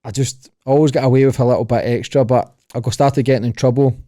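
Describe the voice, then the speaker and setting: A Glaswegian man in his thirties talks as a podcast guest, recounting his past in quick clipped bits with a cheeky edge. His voice is mellow and relaxed, and it is recorded close and dry with no room sound. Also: mid-range voice, dry recording. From Scotland. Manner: cheeky, storytelling, talks in short clipped phrases. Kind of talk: casual interview chat.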